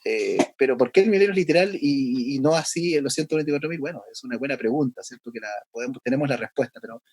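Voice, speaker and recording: A male pastor giving a conversational Bible lesson, often pausing for tag questions and restarting his sentences. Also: medium pitch, darkish tone, husky, dry recording. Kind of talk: sermon.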